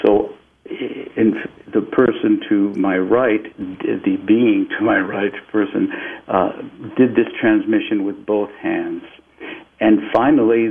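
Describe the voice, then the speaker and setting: A man from Peru, an interview guest, telling a spiritual story in a slow, reflective way and often repeating "and" as he searches for words. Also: on the low side, gravelly. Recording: tinny phone-like line.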